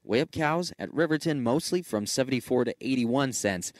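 An American man delivers a radio farm report in a medium-pitched voice. The sound is dry and close, like a studio broadcast mic. He reads scripted news and market figures as a reporter. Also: expressive, normal speed, no room sound. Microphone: close studio broadcast microphone.

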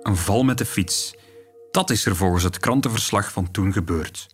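A man's voice: lowish voice, moderate pace, slightly rough. A man with a Flemish accent reading scripted true-crime documentary narration as the host. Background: music.

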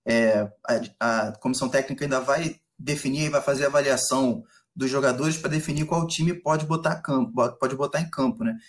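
A man with a Brazilian accent giving casual football analysis as a reporter, in halting, pieced-together phrases. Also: mid-range voice.

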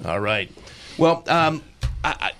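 A middle-aged man running a talk radio show sounds a little high and fairly bright, and he is very animated. He talks fervently, like a pastor, often repeating himself in short, quick bursts.

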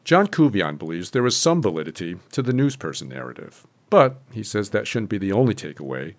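Deep-voiced host, measured and inquisitive. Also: male voice, sing-song. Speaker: podcast host and interviewer. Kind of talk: narration and interview questions.

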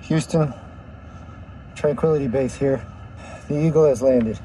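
A man's voice: medium pitch, measured pace, background noise. A man reporting a landing as an astronaut over a space mission radio transmission, in terse, clipped calls. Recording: distant radio audio over loud music.

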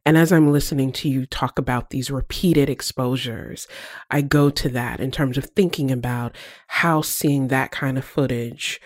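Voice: mid-range voice, dry recording, clean studio sound. A podcast host asking long, reflective questions that build on the guest's points. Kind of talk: interview questions.

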